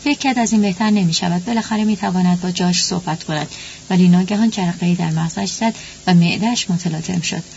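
A woman narrating a story at a steady, even pace. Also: fairly low pitch, creaky. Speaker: audiobook narrator. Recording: dull lo-fi with faint hum.

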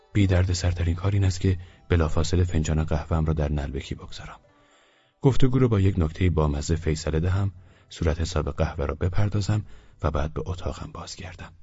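A man reading a first-person story aloud in a measured, calm, reflective way. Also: low-pitched, slightly rough, faint music behind. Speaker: narrator. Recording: dull lo-fi recording.

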